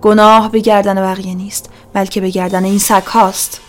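A woman voicing a fanatical male cult enforcer, shouting slowly and zealously. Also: mid-range voice, level tone, soft background music, close to an everyday voice.

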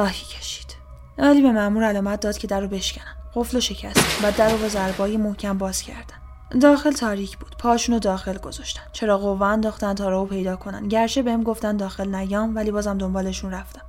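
Woman narrating horror in hushed tones. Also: medium pitch. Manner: hushed, often dropping to a whisper. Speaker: storyteller.

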